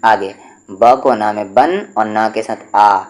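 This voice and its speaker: A man teaching an Urdu reading lesson, going slowly and patiently, repeating each rule and sounding out syllables one by one. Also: lowish voice. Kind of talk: step-by-step spoken lesson.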